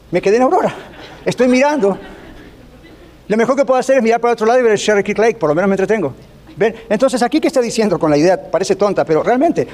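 A man's voice: sits high, darkish tone. A man giving a conversational radio sermon, telling stories and playfully acting out little voices, with English phrases mixed in. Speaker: radio preacher.

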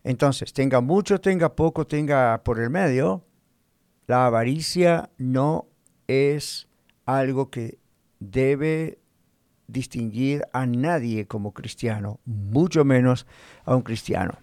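A man preaching a sermon in Spanish, teaching slowly and deliberately, asking his listeners rhetorical questions. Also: medium pitch, darkish tone, no room sound, studio quality. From Spanish-speaking, living in the United States. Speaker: pastor.

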